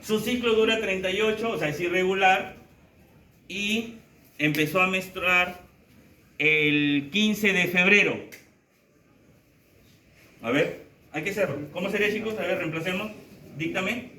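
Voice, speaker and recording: A man lecturing a classroom of students, animated and brisk as he counts aloud at the board. His voice is bright and sharp, a little higher than most men's. He sounds off-mic in an echoey room with faint ambience behind him. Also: distant mic, slight background noise. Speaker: teacher.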